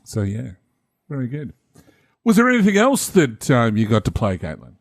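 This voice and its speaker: A man co-hosting a podcast, explaining things in a relaxed way with many fillers. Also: mid-range voice, normal speed, creaky, no room sound, studio quality. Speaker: podcast co-host, convention marshal. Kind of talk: casual chat.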